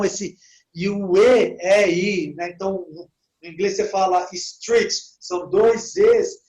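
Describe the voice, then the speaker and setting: A man teaching English to Portuguese speakers in a relaxed online talk, often adding "né?" and slowing down to model English words. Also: high-pitched, low-quality recording.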